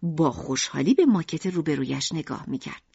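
A woman narrating an audiobook in an expressive storytelling manner. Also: deep voice, creaky, breathy edge, dry recording, lo-fi sound.

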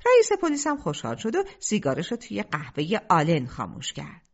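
A woman narrates an audiobook in a storytelling voice, her pitch rising and falling across a very wide range. The sound is dull and lo-fi, without crisp highs. She keeps it lively throughout.

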